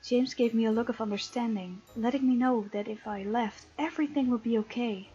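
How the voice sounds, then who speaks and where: A gaming host with a warm, slightly high voice talks fairly quickly while reading a visual novel's text aloud and commenting in her let's play. The mic is dull and lo-fi, with the game's music beneath her.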